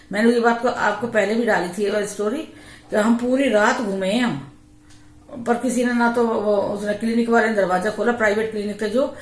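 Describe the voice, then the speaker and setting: A middle-aged woman vlogger casually telling a true haunted story from her family's life, acting out what each person said. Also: mid-range voice. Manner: animated, acts out quoted family voices. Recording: echoey home room.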